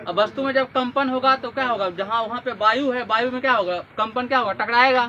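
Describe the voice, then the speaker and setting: High-voiced teacher quizzing his class. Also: fast talker, bright, forceful tone, highs cut off, a little hiss or hum. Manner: asks the class questions and repeats the answers. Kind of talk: classroom physics lecture.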